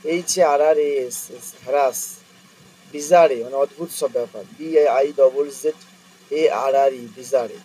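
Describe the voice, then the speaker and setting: A man teaching an exam-prep spelling lesson, spelling English words out letter by letter and repeating them slowly for students. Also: on the high side, warm tone, slightly rough. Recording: distant mic with faint noise.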